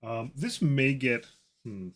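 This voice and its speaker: A man's voice: medium pitch, lively intonation, slow pace, fairly bright tone. A man who designs games, talking through ideas at a casual work meeting and thinking aloud with lots of fillers and self-corrections. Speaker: game designer.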